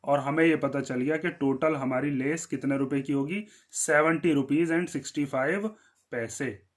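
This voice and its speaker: Indian man teaching maths, slightly high voice. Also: moderate pace. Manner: asks questions and answers them himself; dips low on one-word answers. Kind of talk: step-by-step maths lesson.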